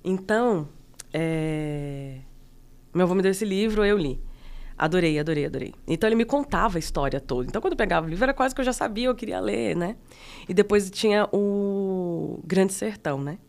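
A woman from Minas Gerais with a Minas Gerais accent, a guest artist telling stories in a reflective, casual interview with many pauses. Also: medium pitch, expressive, creaky, a little mellow. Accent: Minas Gerais Brazilian Portuguese. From Minas Gerais, Brazil.

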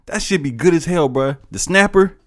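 An American man chatting casually in a slangy, profane, animated frat-bro manner. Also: fairly high pitch, normal speed, dry recording, clean studio sound. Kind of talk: casual chat.

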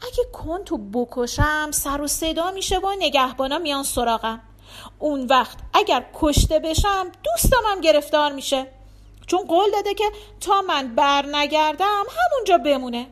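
A woman's voice: high voice, expressive. A woman voicing a brave, loyal thief who speaks urgently and in anger. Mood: tense inner thought. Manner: urgent, heated. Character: brave loyal male thief, fierce and angry.

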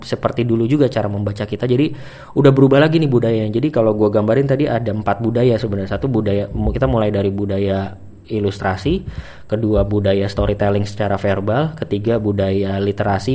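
A young man from Indonesia, talking to camera in a relaxed, chatty monologue full of fillers and restarts. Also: fairly low pitch. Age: young adult. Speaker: vlogger. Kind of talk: casual monologue.

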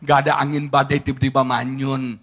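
A middle-aged man from Indonesia preaching a sermon as pastor, telling stories with lively acted quotes and jokes. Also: medium pitch, brisk.

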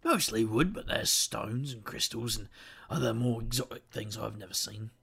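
Urban-fantasy detective for audio drama, male actor, husky and gravelly, weary, sardonic noir narration. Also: fairly low pitch, normal speed, fairly bright tone, heavily acted. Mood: sardonic musing. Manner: wry, self-deprecating, sardonic. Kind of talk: noir first-person monologue.

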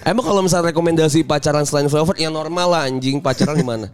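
A man's voice: fairly high pitch, fast talker, clear, resonant tone. A young man with a Jakarta-area accent chats casually and comedically, telling rambling stories full of slang and swearing. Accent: Jakarta-area Indonesian.

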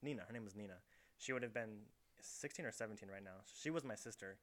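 A young man talks quickly and rambles through his stories, leaning hard on filler words. His tone is bright and forceful, and his voice sits somewhat low. He is recording a casual chat in his bedroom. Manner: rambling storyteller, heavy on fillers. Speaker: podcast host. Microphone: camera set up in the room.

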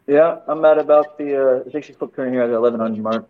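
A man's voice: mid-range voice, fast, narrow, tinny audio. A man in his mid-twenties from Texas, a college coach, chatting easily as a caller on a phone video call. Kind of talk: casual chat.

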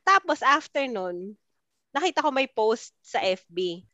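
In a dry recording, a woman with a fairly high, bright, forceful voice and big pitch swings recounts a personal story at a measured pace. She co-hosts the podcast, chatting casually with friends and dramatically acting out the messages she cites.

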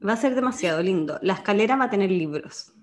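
A woman's voice: medium pitch, animated, quick pace. A young Chilean woman co-hosting a podcast, chatting casually, teasing her co-host and describing plans with dreamy enthusiasm. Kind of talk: casual chat.

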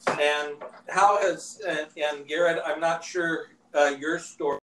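Slow, rambling man on an echoey line. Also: on the high side, steady tone. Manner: rambling, self-interrupting questions. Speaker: small group member asking questions. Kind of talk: casual interview questions. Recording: distant, echoey mic with faint noise.

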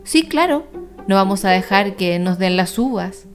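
A woman's voice: medium pitch, animated, a little slow, over music, natural voice. A woman voicing a restless, fed-up father bat in a storybook reading, talking in an exasperated, insistent way. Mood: eager.

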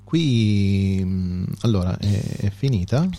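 A man co-hosting a casual literary talk, reading a poem aloud in a measured way and chatting with hesitant fillers. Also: lowish voice, animated, dark tone, faint music behind. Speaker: co-host reading poetry.

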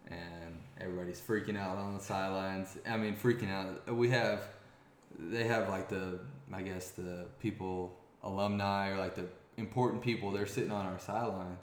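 Low-voiced man telling a game story. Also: moderate pace, a little hiss or hum. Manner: rambling, many restarts, grows excited. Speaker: former college quarterback guest. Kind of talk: casual storytelling interview. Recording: echoey room.

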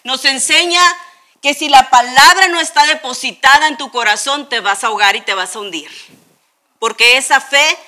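A woman pastor from Tijuana preaches, acting out scenes and putting questions to her congregation. Her voice is bright and slightly high. She speaks into a stage microphone in a church hall. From Tijuana, Mexico. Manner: animated storytelling, acts out voices and asks the congregation questions. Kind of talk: sermon.

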